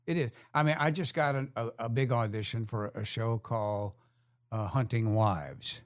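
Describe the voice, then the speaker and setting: A man's voice: mid-range voice, normal speed, no echo, clean studio sound. A man, an actor guest in a casual interview, earnest with a joking side.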